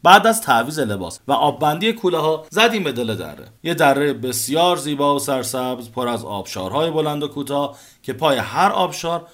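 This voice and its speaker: A man hosting a podcast, telling a first-person story in an expressive, vivid narrating manner. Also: fairly high pitch, hardly any pauses. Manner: expressive, recounting events vividly.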